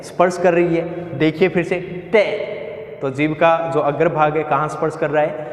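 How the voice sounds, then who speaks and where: A male teacher with a fairly high voice gives a coaching lesson, drilling letter sounds and asking the class questions he answers himself. His voice rings around a bare, echoey room with a long reverb tail. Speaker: Hindi grammar teacher.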